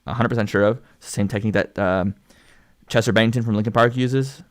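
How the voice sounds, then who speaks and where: On a casual livestream, a fast-talking Canadian man with a low voice and steady tone rambles along. He's a singer who hosts his own channel, and his chatter is thick with "likes" and "ums."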